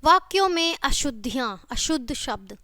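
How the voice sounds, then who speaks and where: A woman teacher giving a grammar lesson to young children, repeating each example sentence slowly in a sing-song way. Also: sits high, big pitch swings, no echo. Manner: addresses children warmly as "बच्चों".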